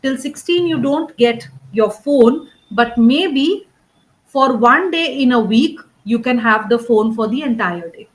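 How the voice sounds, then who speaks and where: A woman coaching a student in spoken English, one-on-one. Her voice sits a little high and stays patient and measured. She corrects mistakes step by step and keeps checking in with short questions. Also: lively intonation, rough recording. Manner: patient, often checks understanding with "right?" and "correct?"; corrects grammar and pronunciation step by step. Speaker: English speaking tutor.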